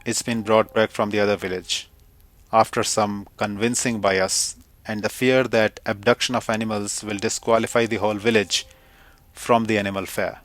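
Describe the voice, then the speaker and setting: A man voicing a calm, reassuring female village schoolteacher in an audio story. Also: mid-range voice, moderate pace, pauses often, no room sound.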